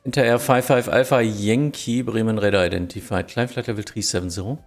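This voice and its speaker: Low, creaky male air traffic controller. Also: fairly even intonation, a little fast, faint music behind. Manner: clipped phraseology with digits spoken singly. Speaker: air traffic controller in online flight simulation. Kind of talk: air traffic control radio, procedural clearances.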